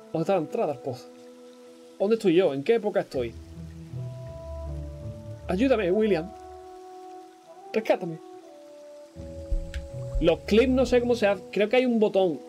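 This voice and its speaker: A chatty young man from Spain with a Spanish accent, voice sitting high but warm and mellow. He talks loosely over a game stream, joking with viewers. Faint game music plays underneath. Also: animated, fast. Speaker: gaming streamer. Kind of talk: casual let's-play commentary.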